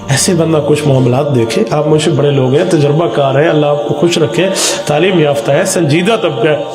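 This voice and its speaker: A man's voice: sits high, echoey room. A man preaching a sermon, speaking with impassioned emphasis that rises and falls.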